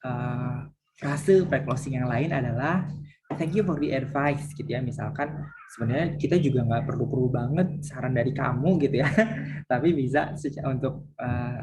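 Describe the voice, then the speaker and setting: A man's voice: mid-range voice, noisy background. A man lecturing university students, explaining patiently and acting out example phrases.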